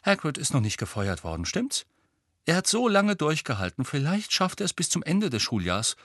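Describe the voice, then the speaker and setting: A man voicing an excitable teenage schoolboy who talks bluntly and with exasperation, pushing his point with raised pitch. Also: moderate pace, no room sound, clean studio sound, heavily acted. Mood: resigned. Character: excitable teenage boy pupil, blunt and worried.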